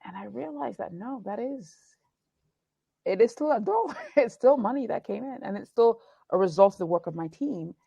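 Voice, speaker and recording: This guest speaks in a fairly high, expressive voice that is gravelly and mellow with a breathy edge, at a moderate pace. She is a documentary producer and speaker in her forties who grew up across Nigeria, England and the United States. Earnest and thoughtful, she restarts sentences in a dry, lo-fi recording.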